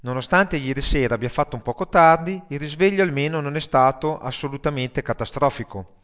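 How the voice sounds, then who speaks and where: A man voicing a sardonic, foul-mouthed male metalhead worker who grumbles and swears loudly. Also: fairly high pitch, brisk, natural voice. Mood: grumbling.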